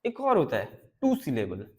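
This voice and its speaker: A man's voice: medium pitch, huge pitch swings, unhurried, darkish tone. A young man teaching a grammar lesson to schoolchildren, explaining step by step and checking in often.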